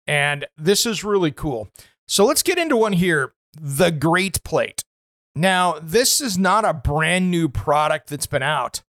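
A man's voice: fairly high pitch, no room sound, studio quality. A man hosting a home improvement radio show, talking casually about products with plenty of fillers. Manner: chatty, relaxed, many "uh" fillers. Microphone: studio microphone.

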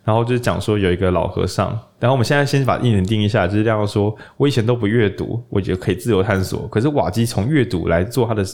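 A man's voice: fairly low pitch, rapid-fire, hardly any pauses. A man with a Taiwanese Mandarin accent, hosting a casual podcast and telling a story, acting out the voices in it. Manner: animated storyteller who acts out voices in the tale. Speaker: podcast host.

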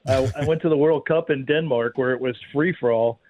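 A man's voice: medium pitch, fairly quick, darkish tone. A man being interviewed as a guest on talk radio over a tinny phone line, speaking candidly with many filler words. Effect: tinny phone line on a talk radio broadcast. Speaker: guest firearms and martial arts instructor. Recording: narrow phone-line sound, dry.

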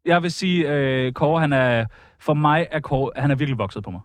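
A man's voice: fairly high pitch, no room sound. A man co-hosting a podcast, chipping in with wry, teasing remarks and questions. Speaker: podcast co-host. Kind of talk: casual comedic chat.

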